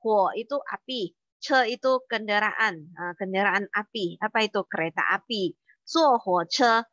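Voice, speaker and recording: A woman's voice: mid-range voice, steady tone, normal speed, bright, forceful tone, no echo, muffled recording. A woman teaching a Mandarin lesson online, explaining words step by step with patient fillers.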